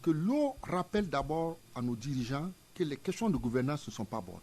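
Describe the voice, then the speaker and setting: Husky, emphatic man. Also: a little high, big pitch swings, fairly quick, darkish tone. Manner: emphatic, didactic, repeats phrases in parallel pairs. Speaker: museum director. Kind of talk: explanatory interview answers.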